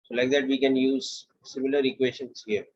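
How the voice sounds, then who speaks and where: A man's voice: medium pitch, a little fast, breathy edge, lo-fi sound. Man with an Indian accent teaching physics. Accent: Indian English. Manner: steady, explanatory, walks through steps aloud. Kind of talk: classroom lecture.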